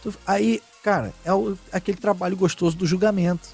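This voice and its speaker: A man hosting a casual chat, telling stories in a slangy, animated way and acting out the quotes. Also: high voice, fairly quick, vocal fry, husky, faint music behind. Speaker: streamer and podcast host.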